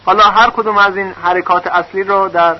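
High-voiced man teaching, dull lo-fi recording. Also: steady tone. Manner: patient, spells out syllables one by one. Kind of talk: recorded lesson on reading vowel marks.

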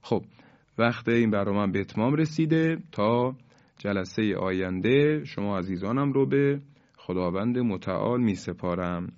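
A man's voice: fairly low pitch, darkish tone. A man teaching tajwid, the rules of Quran recitation, explaining patiently step by step and stretching out the sounds he demonstrates. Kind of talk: tajwid lesson. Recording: slightly dull, lo-fi.

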